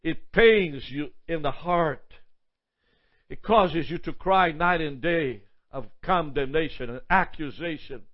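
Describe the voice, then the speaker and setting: A man's voice: on the high side, slow pace, muffled recording. A man preaching a sermon, listing points emphatically, often stumbling and repeating words.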